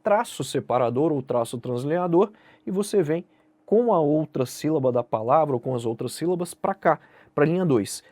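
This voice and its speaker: A man's voice: fairly high pitch, animated, moderate pace, a little mellow, no room sound. A Brazilian man teaching an online exam-prep lesson, speaking directly to the viewer and asking and answering his own questions. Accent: Brazilian Portuguese. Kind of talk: online lesson explaining essay grading.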